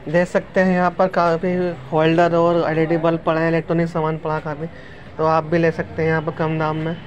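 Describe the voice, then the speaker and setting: A man's voice: a little high, monotone, brisk, highs cut off. Chatty man touring an outdoor market. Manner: chatty, calls viewers "friends" often. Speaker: vlogger. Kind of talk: casual walking tour narration. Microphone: handheld phone camera. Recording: outdoor phone audio with street noise. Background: street noise.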